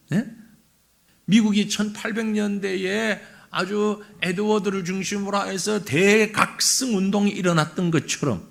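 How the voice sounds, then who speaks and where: A man's voice: sits high, gravelly, fairly bright tone. A male pastor preaching a sermon in a church, asking his congregation rhetorical questions.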